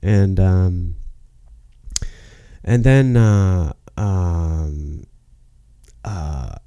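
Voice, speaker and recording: A man rambles on to camera, frustrated and cursing, stopping and restarting his sentences with plenty of fillers. His voice is very dark and mellow. The recording is close and dry. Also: low-pitched, no echo. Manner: frustrated, swearing, halting with many fillers and restarts. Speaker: vlogger.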